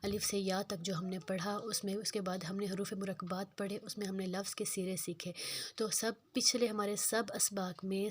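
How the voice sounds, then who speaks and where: A woman teaching Quran reading, speaking slowly and repeating sounds and words to show the difference between them. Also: mid-range voice, husky. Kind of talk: slow patient tajweed lesson.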